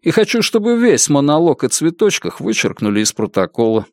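A man's voice: on the high side, big pitch swings, fairly quick, dry recording, studio quality. A man voicing an exasperated male lawyer who objects firmly. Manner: firm, objecting.

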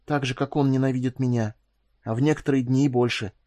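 A man reading an audiobook, voicing an ashamed young soldier who speaks hoarsely and haltingly, then in a fierce whisper. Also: medium pitch, steady tone, warm tone, natural voice. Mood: bitter.

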